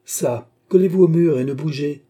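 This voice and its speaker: A man's voice: medium pitch, moderate pace, dark tone, breathy edge, lo-fi sound, lightly acted. A man voicing a proud young nobleman who speaks in a clipped, commanding, threatening way. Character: curt, proud young nobleman, military manner.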